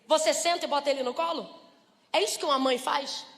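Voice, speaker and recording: A Brazilian woman preaching a lively church sermon, asking the congregation rhetorical questions and acting out little scenes. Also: high voice, fast talker. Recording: reverberant church hall.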